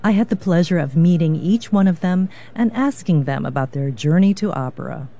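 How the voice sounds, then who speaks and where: Mellow-voiced woman radio host. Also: lowish voice, expressive. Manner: polished, measured delivery. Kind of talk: scripted broadcast narration.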